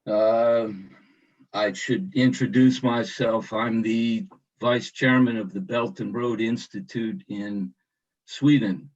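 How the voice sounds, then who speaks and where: Slow, halting American-born man. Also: on the low side, fairly even intonation, darkish tone. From United States. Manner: slow, measured, with many hesitations. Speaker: guest commenter. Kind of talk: online discussion remarks. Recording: dull lo-fi sound.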